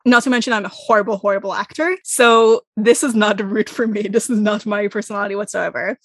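Laughing frequently and speaking fast, a young Israeli co-host chats animatedly about a musical on a laid-back podcast, and she admits she's loud. Her voice sits in the mid-range, and there's no room sound.

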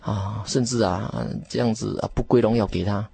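A young man, a theology student, telling his testimony emphatically in a radio interview, with many drawn-out fillers. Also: on the low side, fairly even intonation, vocal fry, dark tone, husky. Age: young adult.

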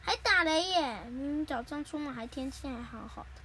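A woman's voice: high voice, lively intonation, normal speed, sharp tone, slight background noise, full character voice. A woman voicing a whiny little brother bean. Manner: whiny, complaining.

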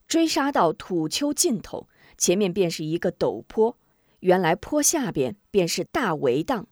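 Woman reading a wuxia story, animated voice, super dry recording, acts out the shouts. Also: lowish voice, no room sound. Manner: lively, acts out shouting characters. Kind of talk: dramatic martial-arts story narration.

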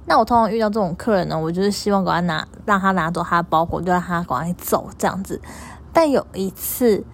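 A young woman, a store clerk telling her followers a story in a chatty, animated way and repeating things for emphasis. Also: lowish voice, quick pace, vocal fry, slight background noise.

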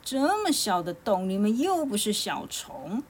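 A woman voicing a proud, gruff male mountain god who sneers at two small children in a storybook tale. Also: medium pitch, sing-song, unhurried, slight background noise. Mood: scornful. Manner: scornful, sneering.

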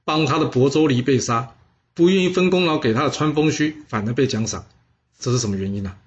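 A man's voice: medium pitch, fairly quick, muffled recording. Guy telling old history stories, chatty, keeps talking to the listener. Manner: chatty, lots of particles and asides to listeners. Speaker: storyteller host. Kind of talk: casual history storytelling.

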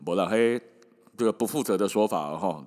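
A man's voice: on the low side, normal speed, darkish tone. Joking Taiwanese storyteller man. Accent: Taiwanese Mandarin. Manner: joking asides, mixes in Hokkien words. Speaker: podcast host. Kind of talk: casual fairy-tale retelling.

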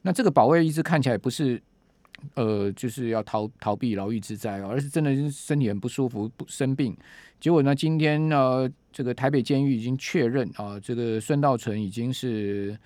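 A male radio host with a Taiwanese Mandarin accent delivers breaking news in a conversational, chatty way. His medium-pitched voice is recorded close and dry, with little room sound. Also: a little fast, a little mellow, dry recording. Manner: frequent sentence-final particles, chatty.

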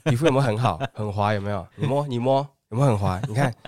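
Fast-talking young man telling animated stories. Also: mid-range voice, dry recording, studio quality. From Taiwan. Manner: animated storyteller who acts out quoted voices. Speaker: podcast co-host. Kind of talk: casual chat.

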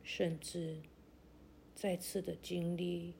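A woman narrating a guided meditation like a sleep story, in a gentle, soothing, deliberate way with long pauses. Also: fairly low pitch, level tone, vocal fry, slight background noise.

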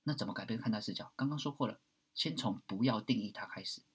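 A man giving a blunt, preachy monologue, swearing at times and swinging between loud outbursts and hushed asides. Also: fairly low pitch, quick pace, husky. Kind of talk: impassioned monologue.

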